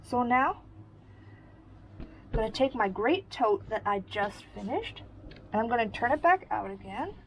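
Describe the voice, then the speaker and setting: A woman's voice: on the high side, expressive, unhurried, pauses often, slight background noise, poor audio. A woman giving a casual sewing tutorial, explaining each step in a friendly way while she works. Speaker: sewing instructor.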